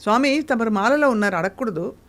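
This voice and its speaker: A woman's voice: fairly high pitch, animated, a little fast, fairly bright tone. A woman interviewer asking questions in a respectful, encouraging way.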